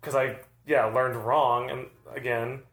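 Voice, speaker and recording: A man's voice: mid-range voice, steady tone, takes it slowly, a bit bright. A man in his thirties from Arizona, co-hosting a casual chat and telling loose, rambling stories about riding. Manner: rambling storyteller, loose and laid-back. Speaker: podcast co-host, BMX rider. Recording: echoey room.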